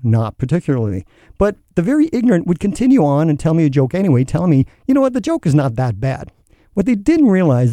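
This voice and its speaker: A man's voice: medium pitch, dark tone, no room sound. A middle-aged man from Newfoundland with a Newfoundland accent, hosting a show and telling an earnest personal story before an interview. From Newfoundland, Canada. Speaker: podcast host.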